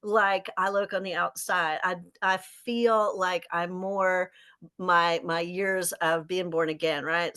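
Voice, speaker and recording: A woman's voice: lowish voice, fairly bright tone. A woman in her sixties, a guest on a faith podcast, telling her story in an earnest, joyful way. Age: 60s. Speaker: podcast host, author and speaker, as guest. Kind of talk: faith-based conversation.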